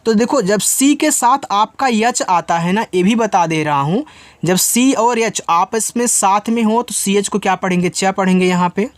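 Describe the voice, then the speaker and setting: A man's voice: high voice, moderate pace, dry recording. A man teaching English spelling and reading, patiently repeating each point and asking his students questions.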